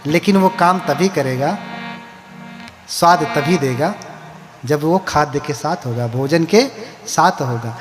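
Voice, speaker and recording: Echoing monk preaching in a hall. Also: male voice, fairly high pitch, fairly bright tone. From India. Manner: preacherly, asks the crowd questions, chants verses. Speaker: Buddhist monk giving a katha. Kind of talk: live sermon to a crowd. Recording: live hall with long echo and music.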